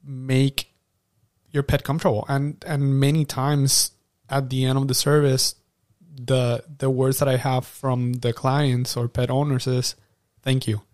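A man's voice: mid-range voice, flat delivery, unhurried, darkish tone, dry recording. A man working as a veterinarian, answering interview questions in an earnest, reassuring way and repeating himself for emphasis.

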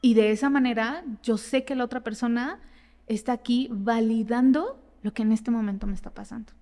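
A woman psychotherapist, explaining in a lively way and acting out examples in casual conversation. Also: a little high, fairly quick, big-room sound. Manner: animated, explains with acted-out examples. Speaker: psychotherapist guest. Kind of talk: conversational advice in a podcast.

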